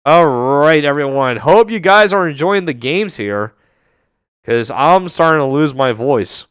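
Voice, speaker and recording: A man casting a live online game tournament, with excitable, chatty and rambling play-by-play. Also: a little high, unhurried, clear, resonant tone, no room sound, clean studio sound. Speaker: esports tournament caster.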